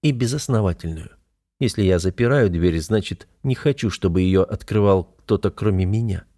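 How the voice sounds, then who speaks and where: A man reading a novel aloud in the first person, with cool, deliberate delivery. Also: deep voice, dark tone, dry recording, studio quality. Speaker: audiobook narrator.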